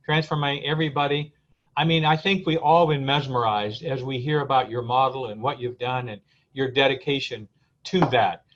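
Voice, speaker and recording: A man's voice: a little high, a bit bright. A man hosting a casual live-stream interview in an informal, rambling, earnest way. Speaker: event host interviewing guests. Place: remote live video stream. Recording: dull, lo-fi call audio.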